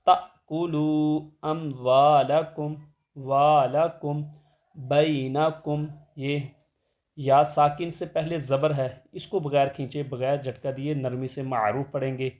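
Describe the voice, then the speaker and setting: A man teaching tajweed, explaining rules plainly and then reciting verses in a slow melodic chant. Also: medium pitch, level tone, darkish tone.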